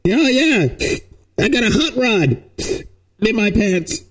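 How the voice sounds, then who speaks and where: A man's voice: sits high, sing-song, slow, heavily acted. A man voicing a bumbling male TV reporter whose voice sounds muffled, as if he is talking into a cup through a hazmat mask. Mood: goofy. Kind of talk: comedy podcast bit.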